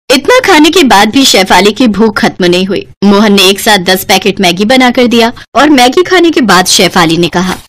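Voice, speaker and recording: Expressive woman storyteller. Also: medium pitch, normal speed, hardly any pauses. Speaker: narrator. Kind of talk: scripted storytelling narration.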